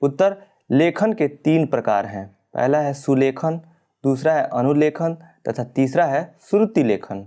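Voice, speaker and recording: Speaking a little slowly, a male teacher uses a mellow, expressive voice of medium pitch. He works steadily through exam questions and answers, explaining each one and correcting printing mistakes.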